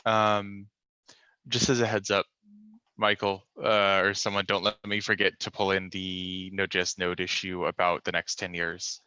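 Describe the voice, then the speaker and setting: A man chairing an online meeting in a casual, relaxed way. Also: low voice, unhurried, smooth, dry recording. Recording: dull, dry call audio.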